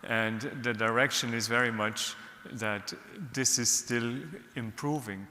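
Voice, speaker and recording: A man from Austria, an economist on a panel, giving measured, earnest advice. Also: mid-range voice, steady tone, pushed and bright. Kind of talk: panel discussion remarks. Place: large conference hall. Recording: reverberant hall.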